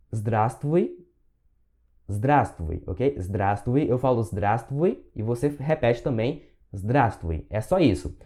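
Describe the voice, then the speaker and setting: A man teaching a language lesson, patiently repeating words slowly for learners. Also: medium pitch, warm tone. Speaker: Russian teacher.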